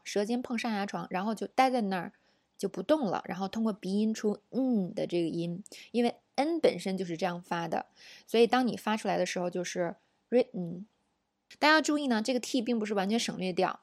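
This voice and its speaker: A woman teaching English pronunciation in an audio lesson, explaining slowly and saying each example word several times. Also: medium pitch, a little mellow, dry recording, studio quality.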